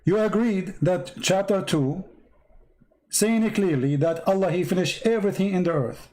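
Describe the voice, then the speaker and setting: Hosting a live debate, a non-English-speaking man whose voice is giving out reads verses aloud and keeps pressing a caller with the same questions. He speaks at a moderate pace in a high, darkish voice.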